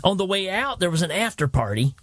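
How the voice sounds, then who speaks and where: A man from Tennessee with a Southern accent, hosting a podcast and telling stories in a casual, animated way. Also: high voice, a little fast, dry recording. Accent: Tennessee Southern American. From Tennessee, United States. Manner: animated storyteller, acts out quoted voices. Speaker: podcast host. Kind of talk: casual storytelling chat.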